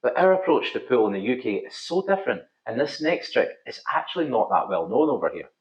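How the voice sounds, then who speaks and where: Male instructor, broad Scottish accent, animated pitch swings, tutorial narration in a roomy, echoing space. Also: brisk. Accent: thick Scottish. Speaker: pool instructor, video host. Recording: slightly dull, roomy echo.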